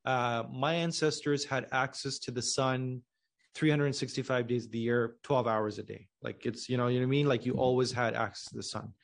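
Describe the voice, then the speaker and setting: A man's voice: mid-range voice, steady tone, brisk, creaky. A man from Pakistan, a company co-founder guesting on a podcast, explaining patiently and checking in with his listener. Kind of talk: casual conversational interview.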